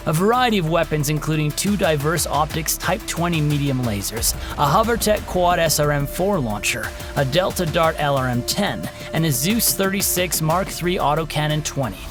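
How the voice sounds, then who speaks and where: A man narrating a sci-fi war story and then an equipment history in a measured, dramatic scripted style. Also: a little high.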